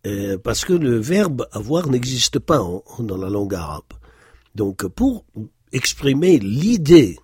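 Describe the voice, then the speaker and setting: A man teaching a language lesson, explaining slowly and patiently with frequent hesitations, stressing the example words he pronounces. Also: medium pitch, very animated, darkish tone, husky, no echo, clean studio sound. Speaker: Arabic teacher. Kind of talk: slow spoken lesson walking through worksheets.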